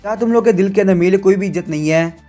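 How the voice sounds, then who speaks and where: A man's voice: sits high, rapid-fire, warm tone, soft background music, lightly acted. A man reading as a smug, taunting young prince. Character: arrogant young male prince, god's disciple.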